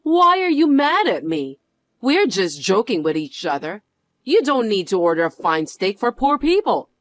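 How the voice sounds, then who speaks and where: A woman's voice: medium pitch, very animated, normal speed, dry recording, studio quality, natural voice. A woman voicing a snobbish rich woman who mocks the poor in a condescending tone. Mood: defensive. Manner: condescending, mocking. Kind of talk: voiced story drama.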